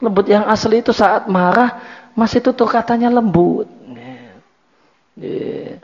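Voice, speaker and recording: In a high-pitched, slightly slow voice, a man who teaches Islam delivers a religious study lecture. He keeps it conversational, repeats himself often, and drops in Javanese words here and there. It's a dull, lo-fi lecture recording.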